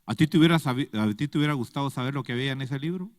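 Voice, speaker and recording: A man's voice: mid-range voice, rapid-fire, no echo, studio quality, long reverb tail. A man preaching a sermon to a congregation, pressing them with rhetorical questions. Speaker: pastor. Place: church.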